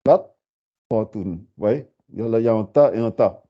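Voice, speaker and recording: A man teaching a beginners' lesson, patiently repeating words and sounding them out slowly. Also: fairly low pitch. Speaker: Arabic teacher. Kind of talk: slow spoken lesson. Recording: dull lo-fi sound.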